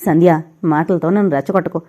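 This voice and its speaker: A woman's voice: on the low side, steady tone, quick pace, warm tone, natural voice. A woman voicing an anguished, heartbroken man who drinks, in an audio novel, speaking in a pained, brusque way. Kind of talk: audiobook character reading.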